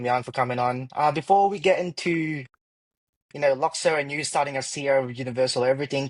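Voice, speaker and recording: A man's voice: mid-range voice, dry recording, poor audio. A man hosting an interview, casual and friendly, asking long rambling questions. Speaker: host.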